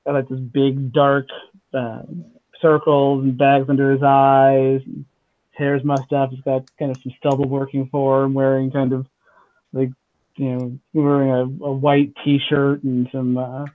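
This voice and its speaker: A man's voice: medium pitch, monotone, measured pace, narrow, tinny audio. A man running a tabletop game as game master, describing scenes with many fillers. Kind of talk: tabletop role-play.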